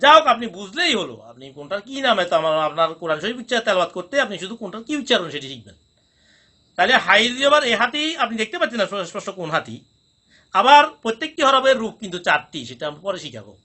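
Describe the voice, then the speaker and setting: A man teaching Quran pronunciation in a recorded lesson, drilling each sound slowly with repetition. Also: high voice, sing-song, sharp tone.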